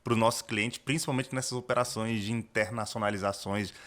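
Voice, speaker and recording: A man's voice: lowish voice, steady tone, a little fast, a bit bright. A man with a Brazilian Portuguese accent, a corporate lawyer explaining estate planning step by step as a podcast guest, with frequent restarts. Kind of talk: explanatory interview talk.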